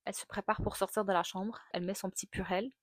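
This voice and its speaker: A young woman tells a personal story in a casual, candid way. She is animated and uses lots of fillers. Her voice sits at a middle pitch, and the close recording is dry, with no room sound. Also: quick pace, dry recording. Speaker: vlogger.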